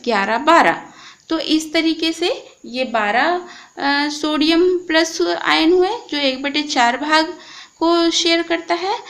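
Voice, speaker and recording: A high-pitched woman with an Indian accent gives a chemistry lecture at an unhurried pace. She explains patiently, counting each item aloud one by one as she points through a diagram. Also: fairly bright tone. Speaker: chemistry teacher. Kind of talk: recorded classroom lecture.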